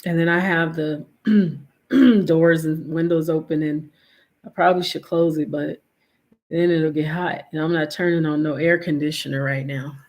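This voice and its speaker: Sniffly and nasal from allergies, a woman hosts a livestream and chats easily with her audience, calling out viewer names and letting fillers trail off. Her voice is low and a little mellow, with a steady tone at normal speed.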